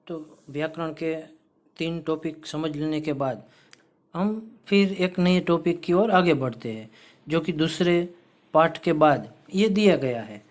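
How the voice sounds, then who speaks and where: A teacher explaining a school grammar lesson, asking the class questions, answering them, and repeating each example word. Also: mid-range voice. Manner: repeats example words slowly, syllable by syllable; checks in with frequent "theek hai".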